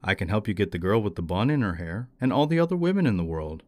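A man voicing the devil disguised as a stranger, speaking in a calm, familiar, coaxing tone. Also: on the low side, fast, lightly acted.

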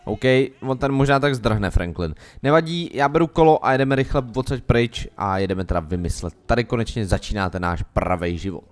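A man giving casual, jokey let's-play commentary, chatting to game characters in character as he plays. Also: medium pitch. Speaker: gameplay commentator.

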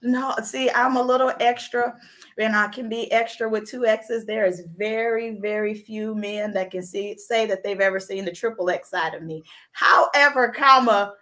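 A woman hosting an interview show, bubbly and animated, laughing often and repeating herself as she hypes her guest. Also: mid-range voice, normal speed. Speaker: host. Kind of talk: upbeat podcast interview.

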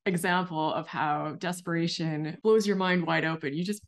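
Woman, slightly low voice, interviewer, casual and expressive. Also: moderate pace. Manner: expressive, laughs, acts out quoted thoughts. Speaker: interviewer host.

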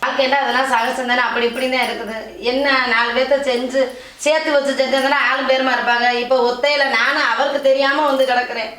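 A woman's voice: high-pitched, steady tone, fast, a bit bright. A middle-aged woman with a Ramnad Tamil accent playing an anxious, fussing mother-in-law who frets and soothes by turns. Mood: worried, soothing. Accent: southern Tamil, Ramnad. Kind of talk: amateur family drama. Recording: echoey room, mic far off.

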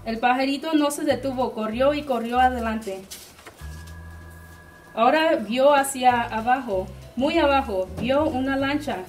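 A woman reading a children's picture book aloud to preschoolers, slow and deliberate. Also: high voice, far from the mic, faint music behind. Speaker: guest reader for preschoolers.

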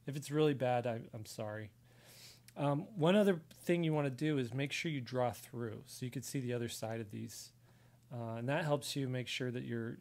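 A man casually walking viewers through a drawing tutorial on a livestream, his audio coming through the left ear only. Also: mid-range voice. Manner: relaxed, chatty, talks through each step. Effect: audio heard in the left ear only. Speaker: artist teaching a drawing livestream. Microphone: desk microphone.

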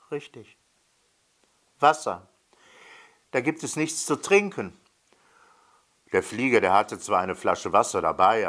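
Man storyteller for young kids, slow and very lively, lowish voice. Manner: slow, lively, addresses the children directly. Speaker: puppeteer and educator. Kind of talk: storytelling to children.

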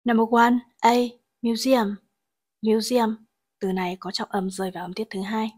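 A woman teaching English grammar and pronunciation, explaining each exam answer and reading English sentences slowly before translating them. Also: medium pitch, fairly even intonation.

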